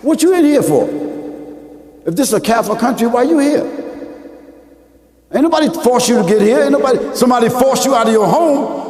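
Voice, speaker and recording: A man's voice: extremely high pitch, expressive, brisk, long pauses. Emphatic man preaching in an echoey hall. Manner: emphatic, rhetorical questions to the audience; swings from quiet to shouting. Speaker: Islamic preacher. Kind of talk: mosque lecture. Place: large Islamic center hall. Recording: echoey hall from some distance.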